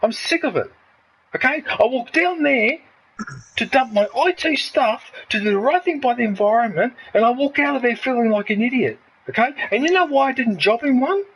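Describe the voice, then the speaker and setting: A man's voice: extremely high pitch, expressive, normal speed, fairly bright tone, a little hiss or hum, poor audio. A man in his fifties from Australia, ranting angrily and swearing heavily in a casual chat. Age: 50s. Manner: heated, swearing, repetitive ranting. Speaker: streamer.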